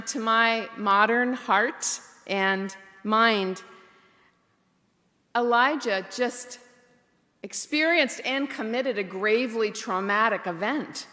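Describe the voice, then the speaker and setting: A woman pastor preaching a sermon in a reflective, candid way, slowing down for emphasis. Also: on the high side, pushed and bright, long reverb tail. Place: church.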